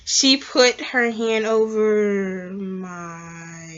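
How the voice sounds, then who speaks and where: A woman's voice: medium pitch, level tone, extremely slow, a bit bright, lo-fi sound. A young woman reading a scary story aloud in a casual vlog, stumbling and restarting as she reads. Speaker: co-host reading scary stories.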